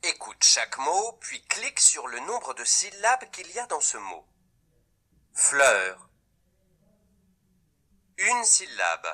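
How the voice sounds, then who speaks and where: A man reading scripted instructions to a child in a reading app, clearly articulating and dictating single words. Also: fairly high pitch, big pitch swings, normal speed, hardly any pauses, pushed and bright.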